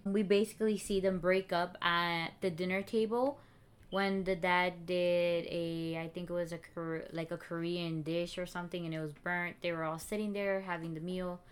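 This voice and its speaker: Young woman, lowish voice, smooth and clear, casual podcast chat, filler words. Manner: casual, filler-heavy, trails off into restarts. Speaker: podcast co-host. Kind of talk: casual book discussion.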